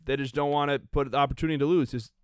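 A man's voice: mid-range voice, steady tone, rapid-fire, clean tone, no room sound, studio quality. Opinionated man in sports podcast chat. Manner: opinionated, repeats himself, restarts. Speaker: podcast co-host.

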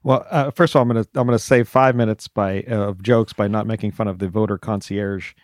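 A male interviewer who asks halting, wry questions full of restarts. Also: fairly low pitch, fairly even intonation, dry recording, studio quality.

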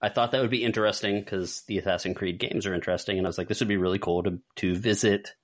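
Speaking fast in a lowish voice with fairly even intonation, this man co-hosts a podcast. The talk is a casual film-ranking chat full of meandering tangents.

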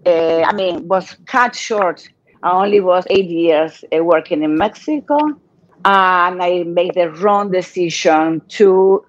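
An older woman from Argentina with a Spanish accent, telling her life story as a guest in a casual interview, in halting non-native English. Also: on the low side, muffled recording. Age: 60s or older.

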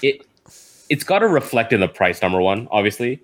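A man's voice: fairly low pitch, big pitch swings, fairly quick. A man hosting a casual discussion in a conversational way.

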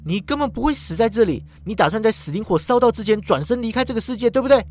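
A man doing a sharp, cold swordswoman. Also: high-pitched, lively intonation, fairly quick, slight background noise, voice pushed up. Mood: angry. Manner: clipped, accusing, cold. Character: sharp, ruthless young swordswoman. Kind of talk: storybook character voice.

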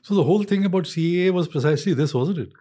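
An older man with a North Indian accent and a husky voice, explaining conversationally and emphatically, repeating points and slipping into Hindi phrases. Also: high-pitched, racing, mellow. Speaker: interview guest, author on history.

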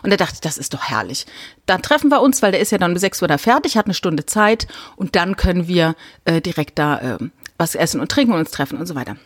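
Female podcast co-host, chatty and lively, narrates an anecdote and voices the quotes; dry, close sound. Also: lowish voice, fast talker, no room sound. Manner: lively storyteller, acts out quoted dialogue. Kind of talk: casual podcast chat.

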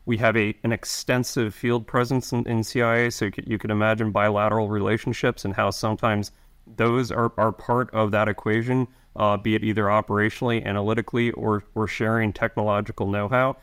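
A middle-aged intelligence officer answers interview questions haltingly, with many restarts and fillers. His voice is lowish, smooth and fairly bright in tone, with a flat delivery.

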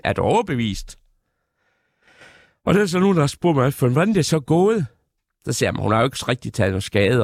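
A middle-aged male stand-up comedian telling absurd stories in a deadpan manner, on a radio show. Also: medium pitch, no room sound, clean studio sound. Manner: deadpan storytelling with absurd punchlines.

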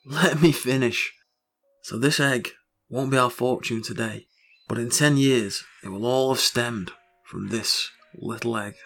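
A man playing a broke farmer husband in an audio story, excitable and rambling, full of grandiose schemes. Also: medium pitch, unhurried, creaky, faint music behind. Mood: excited, insistent.

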